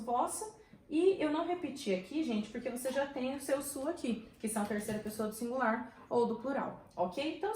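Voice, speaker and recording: A woman's voice: mid-range voice, a little mellow, reverberant, slight background noise, poor audio. A woman with a Brazilian Portuguese accent who teaches a grammar lesson in a chatty way and keeps checking in with her students. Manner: chatty, checks in often with tag questions.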